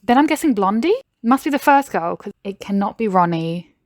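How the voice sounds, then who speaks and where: A young British woman casually reacting to a video, thinking aloud and getting excited. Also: medium pitch, a little fast, no room sound, studio quality. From Britain.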